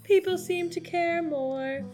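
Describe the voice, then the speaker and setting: A chipper waitress fresh from the farm marvels at the city, as a woman improvises her. The voice is high and open, with music clearly behind it. It suits a homemade musical. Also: slow pace, darkish tone. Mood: earnest. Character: bright-eyed Midwestern diner waitress, Chelsea.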